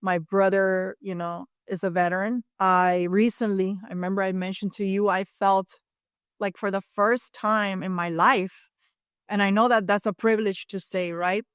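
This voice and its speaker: A woman in her fifties from Cuba, telling a personal story as a podcast guest with animated asides. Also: mid-range voice, moderate pace, smooth, no echo, studio quality. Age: 50s. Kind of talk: storytelling in an interview.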